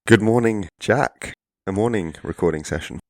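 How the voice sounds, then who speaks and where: A hungover man with a slightly hoarse voice, chatting casually as a podcast co-host. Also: on the low side, normal speed, over loud music. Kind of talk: casual chat.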